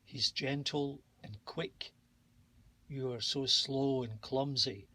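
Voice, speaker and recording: A man reading a storybook aloud, voicing a tired young maiden in a tower in a soft, plain way. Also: mid-range voice, steady tone, slow pace, slightly rough, full character voice. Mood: earnest.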